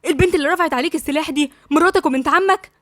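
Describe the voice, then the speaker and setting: A high, shrill Egyptian young woman, fired up with jealousy, spits out quick, furious lines, as a woman reader puts her on. The voice is dry and close. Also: no echo. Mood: furious, shocked. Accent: Egyptian Arabic. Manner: shrill, shouting.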